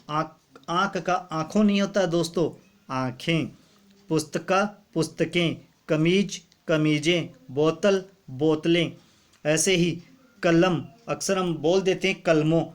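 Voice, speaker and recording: A man teaching a grammar lesson for exam students, repeating each example word and often addressing viewers as friends. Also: a little high.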